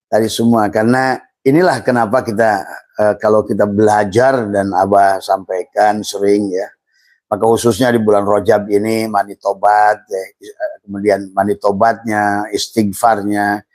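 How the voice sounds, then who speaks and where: A male teacher of Islamic mysticism gives an informal religious lecture in a low, slightly mellow, flat voice, recorded dry. He speaks slowly and haltingly, with many fillers and repeated words, calls his listeners friends, and refers to himself in the third person.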